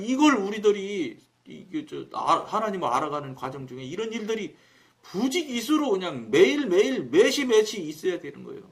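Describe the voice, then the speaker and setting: A man preaching on his own broadcast, telling a story in a colloquial, animated way and acting out the dialogue. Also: sits high. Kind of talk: storytelling sermon.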